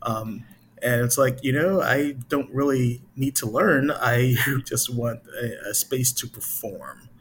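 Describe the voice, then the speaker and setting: Middle-aged American male interview guest, mid-pitched, halting casual delivery, some background noise. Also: fairly bright tone. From Chicago, US. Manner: halting, hesitant, thinking aloud. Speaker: interview guest, improv company founder.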